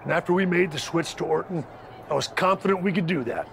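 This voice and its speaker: The scheming, condescending leader of a wrestling faction is voiced by an actor in a game cutscene, measured, stern and gravelly in his speech. His male voice runs on the high side and is a bit bright, with slight background noise. He aims to persuade calmly.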